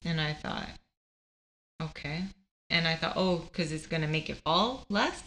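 A young woman, a guest on the show, tells her own cancer story in a relaxed chat. Her voice sits low and she keeps a measured pace, animatedly acting out the voices of the people she quotes.

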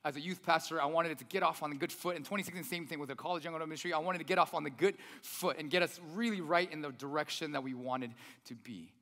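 A man's voice: a little high, fast, few pauses. A man preaching a chatty sermon as a pastor, reading scripture and correcting himself as he goes, his voice ringing with a big hall echo. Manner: chatty, self-correcting, often adds "right?". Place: church hall. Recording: loud voice in an echoey hall.

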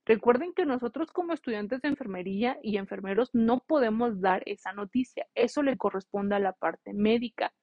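A woman's voice: fairly high pitch, normal speed, hardly any pauses, no echo. Earnest young woman nurse, dull dry sound. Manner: earnest, heartfelt storytelling with direct advice. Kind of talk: casual spoken monologue to nursing students. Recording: slightly dull, dry recording.

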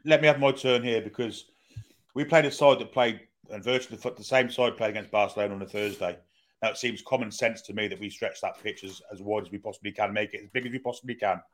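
Fast-talking, deeper-voiced man analysing football. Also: steady tone. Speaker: football panellist. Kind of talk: live panel debate.

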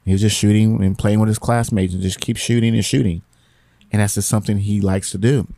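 A man's voice: on the low side, fairly even intonation, brisk, warm tone, no room sound. A middle-aged man hosting a podcast, giving rambling, encouraging motivational talk and repeating his phrases. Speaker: podcast host.

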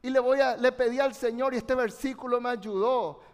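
A man with an unusually high voice preaches with fervor, turning again and again to his congregation for a response. His words trail into the long reverb of a big hall. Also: steady tone, moderate pace. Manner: fervent, addresses congregation, asks for responses. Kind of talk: sermon.

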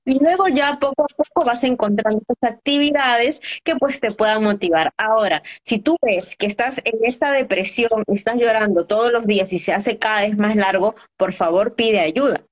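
A woman speaks as a guest coach in an interview, her voice sitting a little high. She addresses listeners directly with gentle, encouraging advice. Her tone stays warm-hearted and reassuring. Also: moderate pace, few pauses.

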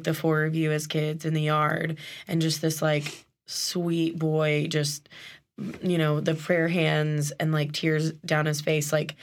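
A woman hosting a conversation, responding with empathy and chatty, filler-heavy talk. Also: sits low. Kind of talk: conversational interview.

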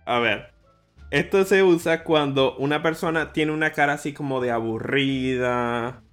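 A man's voice: mid-range voice, a little slow, a bit bright, faint music behind. A young man from Maracaibo with a Venezuelan Maracucho accent, explaining local slang in a casual, playful chat and often laughing.

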